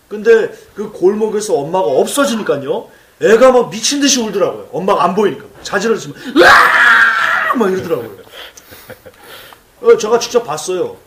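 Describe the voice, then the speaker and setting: Guy preaching in church, kinda high voice that swings all over, really emphatic. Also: echoey room, far from the mic. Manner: emphatic, animated storytelling with acted-out cries. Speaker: pastor. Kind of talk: sermon.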